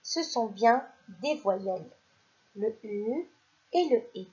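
Woman teacher for a kids' reading lesson, very slow and deliberate, mellow tone, dull lo-fi recording. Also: on the high side, expressive. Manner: slow, deliberate, sounding out syllables. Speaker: primary school teacher. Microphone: voice-over for slides.

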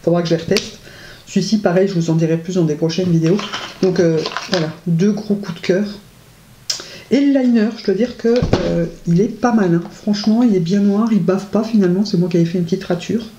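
A beauty vlogger casually reviews makeup, chatty and enthusiastic, hesitating often and gushing with praise. Her voice is on the low side and brisk, and the audio is dull, with background noise and a roomy echo.

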